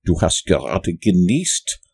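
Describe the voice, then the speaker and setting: A man voicing a humble, simple-minded teddy bear who speaks meekly and wistfully, in a gravelly voice. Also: low-pitched, big pitch swings, darkish tone, exaggerated voice. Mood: earnest, puzzled. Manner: meek, slow and wistful.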